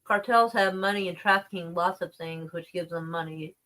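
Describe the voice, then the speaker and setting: Low-voiced woman streamer, wry and profane. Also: moderate pace, fairly bright tone, low-quality recording. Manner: profane, laid-back, wry. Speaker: live streamer. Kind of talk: casual live-stream chat and commentary on news.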